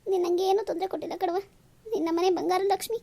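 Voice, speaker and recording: A woman's voice: extremely high pitch, rapid-fire, vocal fry, mellow. A woman voicing an old village landlord father in a cartoon, earnest and fatherly.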